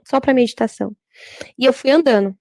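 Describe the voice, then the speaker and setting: A woman, a church worker giving a religious testimony in a halting, repetitive way. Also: high voice, a little mellow, dry recording. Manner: halting, repetitive, frequent filler tags.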